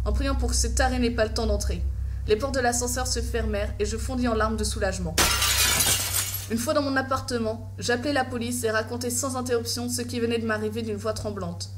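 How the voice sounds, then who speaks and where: High-pitched woman narrating a horror story. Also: noisy background. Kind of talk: scripted first-person creepypasta narration.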